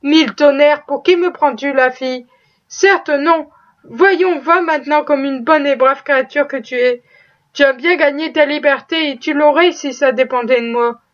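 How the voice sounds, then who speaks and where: A rough, kind-hearted old farmer who speaks bluntly and swears freely, as a woman reading the story puts him on. The voice sits high, and the recording sounds dull and lo-fi. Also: moderate pace, lightly acted. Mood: gruff.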